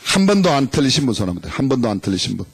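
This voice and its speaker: Delivering a sermon in the church sanctuary, a middle-aged pastor playfully leads his congregation in a game. He speaks rapid-fire at medium pitch with big pitch swings, vocal fry and a slightly rough tone, in a dry recording.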